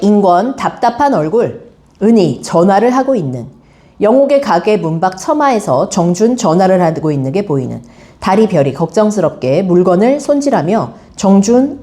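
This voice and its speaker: A woman's voice: medium pitch, dark tone. A woman teacher giving a classroom literature lecture, quizzing her students with frequent questions. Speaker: high school teacher.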